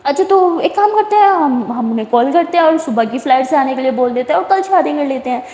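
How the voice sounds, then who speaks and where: A woman voicing an excitable young woman who is impatient to get married, in a pleading, insistent way. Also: high voice, lightly acted. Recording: echoey room with long reverb.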